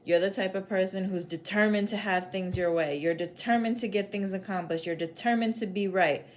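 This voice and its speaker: A woman's voice: medium pitch, brisk, slight background noise. Chatty woman giving a tarot reading. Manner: chatty, repetitive, peppered with "like" and "spirit is like"; blunt, casual swearing. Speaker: tarot reader and psychic medium.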